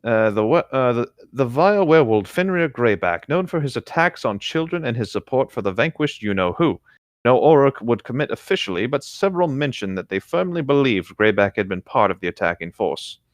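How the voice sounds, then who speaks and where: A man co-reading on a fan fiction riffing show narrates a story in casual storybook style, slightly theatrical, with joking asides, stumbling and correcting himself as he goes. His mid-range voice swings widely in pitch and runs a little fast. The audio is studio quality with no echo.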